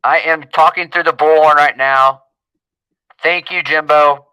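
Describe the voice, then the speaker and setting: A man calling out loudly through a bullhorn. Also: fairly high pitch, fairly even intonation, measured pace, clean tone, no echo, muffled recording. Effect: speaking through a bullhorn.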